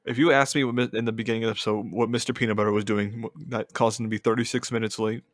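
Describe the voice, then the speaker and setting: A man's voice: lowish voice, little pitch movement, very fast, no echo. A man co-hosting a casual animation podcast, laid-back, laughing often and rambling through asides. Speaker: podcast co-host. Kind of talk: casual chat.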